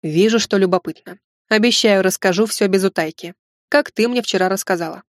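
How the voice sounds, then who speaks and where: A woman voicing a confident young male university lecturer who speaks slowly and calmly, with a dry, mocking edge. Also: mid-range voice, no echo, close to an everyday voice. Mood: calm teasing.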